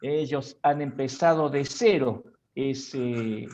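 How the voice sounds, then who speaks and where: A man introducing speakers at a church missionary conference, halting with frequent tag questions. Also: medium pitch, a little mellow, lo-fi sound. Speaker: pastor.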